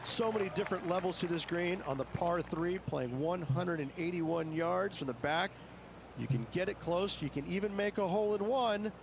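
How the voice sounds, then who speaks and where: A man's voice: high-pitched, moderate pace, vocal fry, noisy background. A man playing an explanatory golf analyst, narrating scripted previews of each hole for a video game. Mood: explanatory, measured. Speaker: golf course guide and analyst.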